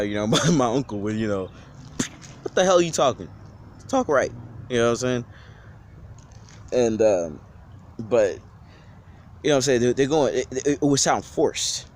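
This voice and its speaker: A man's voice: mid-range voice, a little mellow, slight background noise. A man on a casual vlog giving an off-the-cuff rant, slangy and profane, rambling with many restarts. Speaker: vlogger.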